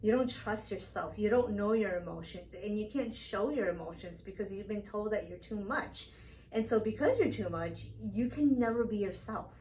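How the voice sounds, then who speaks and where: A woman therapist joins a casual talk as a guest and speaks earnestly, repeating her points for emphasis. Her voice sits at a middle pitch and comes from a little away from the mic, with faint noise behind it. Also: moderate pace, a little mellow, recorded from a distance, poor audio. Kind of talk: casual conversation.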